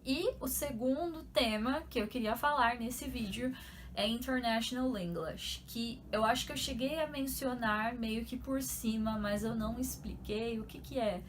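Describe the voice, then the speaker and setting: A young woman from São Paulo with a São Paulo accent, explaining things in a chatty, animated vlog style full of fillers. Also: fairly high pitch, unhurried, slight background noise. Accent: São Paulo Portuguese. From São Paulo, Brazil. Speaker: YouTuber.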